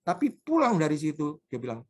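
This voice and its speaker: A man's voice: on the high side, wildly swooping pitch, fairly quick. Emphatic male preacher telling stories. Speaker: pastor. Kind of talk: sermon.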